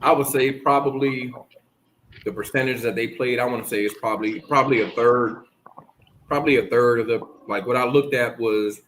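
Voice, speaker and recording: A man's voice: medium pitch, fairly bright tone, slight background noise, rough recording. A man from the Bahamas hosting a casual chat, talking in a rambling way with lots of restarts. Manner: rambling, many restarts and fillers. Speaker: host.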